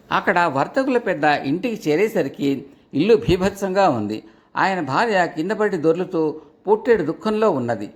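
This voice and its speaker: Animated male storyteller. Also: on the high side. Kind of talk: storybook narration.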